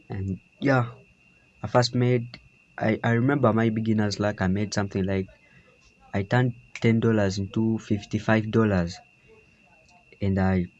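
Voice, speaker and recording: A young man from Uganda tells his own story in a low, even voice. He rambles, restarts his sentences, and fills pauses with "yeah." The recording sounds a little dull and lo-fi. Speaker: trading vlogger. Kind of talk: casual personal story. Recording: slightly dull lo-fi.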